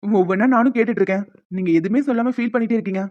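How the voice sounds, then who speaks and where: A woman voicing a gentle, teasing young man in a cartoon, coaxing and joking as he talks. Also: medium pitch, steady tone, racing, lo-fi sound, a little hiss or hum, natural voice. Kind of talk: cartoon voice acting.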